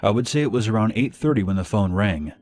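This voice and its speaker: A man narrating a first-person horror story in a calm, plain manner. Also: on the low side, quick pace, soft background music.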